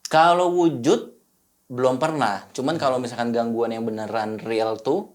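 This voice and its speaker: Man, actor guest, middle pitch, slangy, relaxed podcast chat. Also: normal speed.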